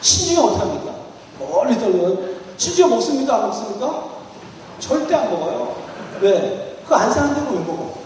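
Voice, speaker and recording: High-voiced guy lecturing a church crowd, keeps calling on people, echoey hall from far away. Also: sing-song, moderate pace, a little mellow, a little hiss or hum. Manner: questions the audience and calls on people by title; tells anecdotes, acting out quoted lines. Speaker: family seminar lecturer. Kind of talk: interactive church seminar lecture. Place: large echoing hall with an audience.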